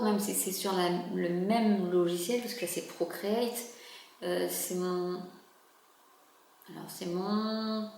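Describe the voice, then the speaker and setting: A middle-aged woman talks casually to her viewers in a halting, rambling way, circling back with fillers and restarts. Her voice sits at an ordinary pitch and rings around a very echoey room. A faint hiss of noise lies underneath. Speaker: vlogger. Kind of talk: casual vlog chat.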